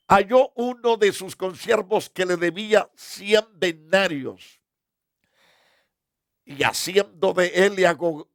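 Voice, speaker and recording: A man preaching as a pastor, giving a Bible study and reading scripture slowly and deliberately. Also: sits high, no room sound, studio quality.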